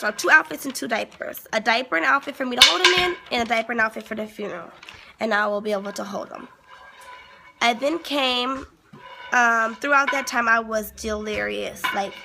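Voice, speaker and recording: Young woman talking through a hard personal story, kinda high voice, halting and emotional, lots of um and like, hissy recording w clicks. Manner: emotional, halting, with fillers and sudden exclamations. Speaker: grieving mother telling her story.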